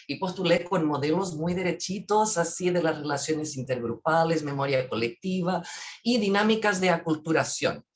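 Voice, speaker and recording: A woman's voice: low voice, expressive, normal speed. A woman from Portugal, a native Portuguese speaker, gives an academic presentation as a guest researcher over a video call, speaking thoughtfully and often checking in with "¿ya?".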